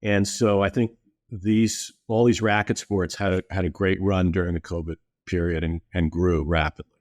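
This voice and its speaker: A middle-aged man talking easily as a podcast guest, explaining at length in a relaxed way. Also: low-pitched, normal speed, no room sound, studio quality. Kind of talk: casual interview talk.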